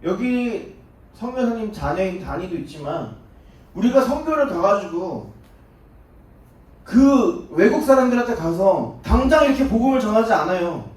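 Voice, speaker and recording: Emphatic male youth pastor preaching. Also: sits high. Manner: emphatic, repeats key phrases. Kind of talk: sermon. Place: church. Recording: echoey church hall, distant mic.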